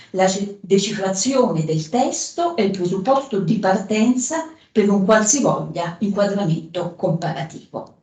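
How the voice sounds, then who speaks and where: A woman's voice: medium pitch, warm tone. A woman with an Italian accent reads an academic paper aloud at a conference, carefully and with a few self-corrections. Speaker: conference speaker. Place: conference hall. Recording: echoey conference room.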